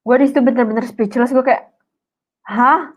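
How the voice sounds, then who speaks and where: A woman's voice: a little high, moderate pace, a little mellow. A young woman with tells a personal story in an emotional, rambling way, full of filler words. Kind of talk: personal testimony. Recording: tinny phone-like sound.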